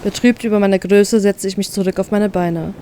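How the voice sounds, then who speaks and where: A woman reading aloud a fanfiction story in first person, narrating calmly and evenly. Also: mid-range voice, moderate pace, slight background noise. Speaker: fanfiction reader.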